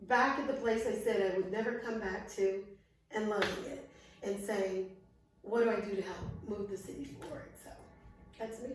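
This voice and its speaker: A woman, a guest in a casual interview, warm and laughing often. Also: medium pitch, moderate pace, noisy background. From Albany, Georgia, US. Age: 50s. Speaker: interview guest, insurance adjuster. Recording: echoey room, distant from mic.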